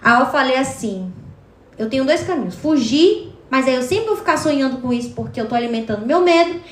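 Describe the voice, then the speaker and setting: A woman's voice: high voice, a little fast, reverberant. A woman telling a personal story casually to her live viewers, acting out the voices from her dream. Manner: animated, acts out quotes from her dream. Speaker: TikTok live streamer.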